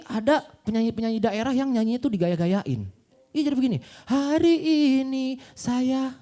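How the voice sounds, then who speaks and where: A man doing a playful stand-up comedy set who breaks into dangdut singing between jokes. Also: very high voice. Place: comedy stage before a live audience.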